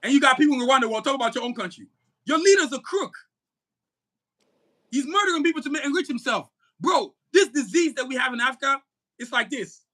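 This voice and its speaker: Worked-up guy venting on a podcast, sharp bright tone, swears a lot. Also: extremely high pitch, lively intonation, fast. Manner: angry, cursing, emphatic, shouting at times. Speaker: podcast co-host. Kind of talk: heated political podcast rant.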